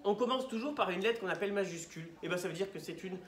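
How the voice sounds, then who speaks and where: A woman's voice: medium pitch, racing. A woman teacher leading a class of young children, asking them questions and encouraging them. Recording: echoey classroom, from far off.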